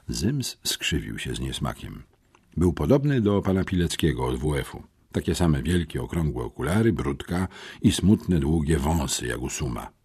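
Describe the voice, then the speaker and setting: A man narrating an audiobook for young readers in a lively, expressive storytelling manner. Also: rumbling low, unhurried, breathy edge. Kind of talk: scripted narration.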